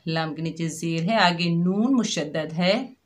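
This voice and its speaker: Slow, low-voiced woman teaching recitation. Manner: patient, spells out each sound and repeats it. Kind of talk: slow step-by-step tajweed lesson.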